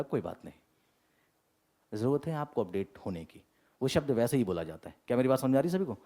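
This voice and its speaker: A man's voice: on the high side, a little mellow. A male English teacher giving a classroom lecture, mixing Hindi and English and asking the class rhetorical questions.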